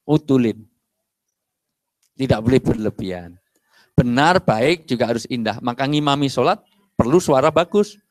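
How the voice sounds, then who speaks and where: A middle-aged male preacher, giving a lively sermon and acting out little dialogues. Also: mid-range voice, moderate pace, pauses often, no echo, studio quality. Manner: animated, acts out dialogues and jokes with the audience. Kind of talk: lively sermon to a mosque congregation.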